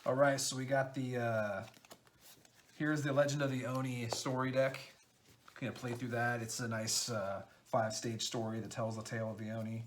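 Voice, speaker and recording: A game designer chatting excitedly through an unboxing, halting often with fillers. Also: male voice, mid-range voice, a little hiss or hum. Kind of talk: casual unboxing chat.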